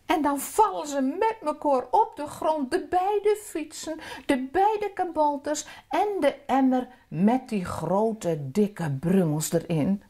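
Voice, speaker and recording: A woman with a Drents accent reading a children's story aloud in a slow, sing-song storytelling manner. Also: sits high, expressive, dark tone.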